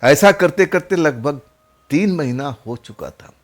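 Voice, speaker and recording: A man's voice: a little high, expressive, unhurried. A man narrating a horror story in a casual, conversational way, often repeating his phrases.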